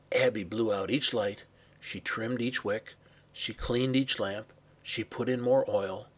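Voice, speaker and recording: Guy reading a kids story out loud, husky voice, really lively, drops to a hush sometimes. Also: lowish voice. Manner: expressive, varied pacing with hushed passages. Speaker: narrator. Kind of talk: children's storybook read-aloud.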